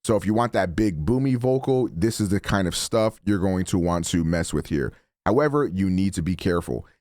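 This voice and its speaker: Talking a little fast, a deep-voiced male streamer gives a casual, chatty rundown of his mic settings at his home setup, fixing his wording now and then. It's a dry, studio-quality recording made on a broadcast mic.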